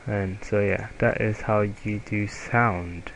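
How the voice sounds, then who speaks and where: A young man with a German accent, a German native speaker, giving a halting, self-correcting software tutorial over a screen recording. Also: on the low side, fairly even intonation, gravelly, a little hiss or hum, poor audio. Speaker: student presenter.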